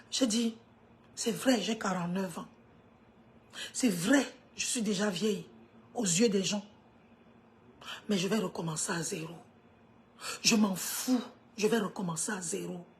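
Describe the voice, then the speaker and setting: A woman in her fifties speaks with a Cameroonian French accent, her voice sitting a little high. She gives an earnest motivational talk to viewers of her live stream. Her delivery drops to hushed tones at some points and rises to emphatic ones at others.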